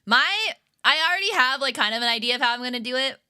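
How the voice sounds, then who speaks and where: A woman's voice: fairly high pitch, expressive, fast talker, sharp tone, clean tone. A young woman streamer chatting casually with her viewers, rambling and giggling with lots of fillers. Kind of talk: casual livestream chat with viewers.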